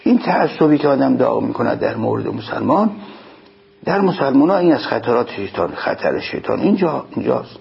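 A man giving a sermon, explaining in plain speech and slowing down to chant quoted lines. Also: mid-range voice, sing-song, gravelly, slightly rough. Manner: slow chanted quotations, emphatic explanations. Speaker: preacher. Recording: dull lo-fi recording.

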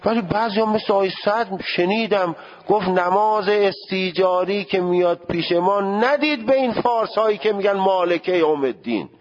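A man's voice: high-pitched, lo-fi sound. A male seminary teacher giving a jurisprudence lecture, questioning his students and sounding out pronunciations as he goes.

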